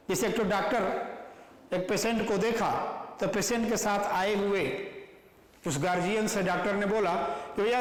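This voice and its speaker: A man teaching Hindi grammar in an online class, lively and animated, stressing words in his examples. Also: high voice. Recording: echoey room with long reverb.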